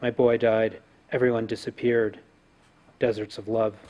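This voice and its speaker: A man's voice: lowish voice, level tone, unhurried, warm tone, lo-fi sound. Male poet at a live reading; grave, intense delivery with chanted repetitions. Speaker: poet reading a translated poem.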